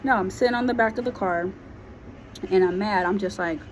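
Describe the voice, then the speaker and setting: Speaking briskly in a mid-range voice, a vlogger from Liberia casually recounts something that happened to her, talking openly with slang and plenty of fillers. The sound is dull and lo-fi, with a faint noise underneath.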